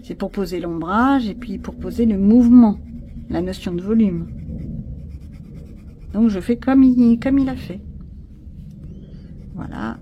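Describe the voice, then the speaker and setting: A woman's voice: medium pitch, measured pace, pauses often, lo-fi sound, slight background noise. A woman chatting casually to her viewers, thinking aloud as she colors a picture with pencils. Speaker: coloring channel host. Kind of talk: casual narrated coloring session.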